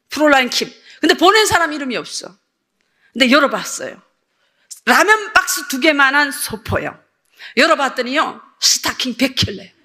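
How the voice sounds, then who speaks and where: Older lady missionary preaching, high bright voice, acts out the lines as she tells her story. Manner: animated storytelling, acts out dialogue. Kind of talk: sermon testimony.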